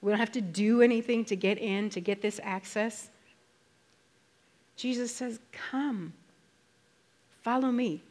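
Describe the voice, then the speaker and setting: A woman preaching a sermon to a congregation, in a conversational, emphatic way that slows down to stress key phrases. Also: mid-range voice, steady tone, a little mellow.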